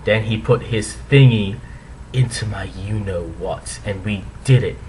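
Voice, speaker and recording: A man giving a hammy, stage-actor dramatic reading of fan fiction, with theatrical pauses and swells. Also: lowish voice, noisy background.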